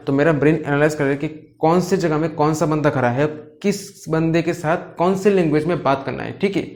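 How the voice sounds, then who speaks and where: A man giving a casual, conversational anatomy lesson from home, often checking in with the listener and acting out little example lines. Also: on the high side. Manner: acts out short example lines to illustrate. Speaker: medical educator. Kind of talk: casual explanatory lecture. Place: home, rain and a barking dog audible outside.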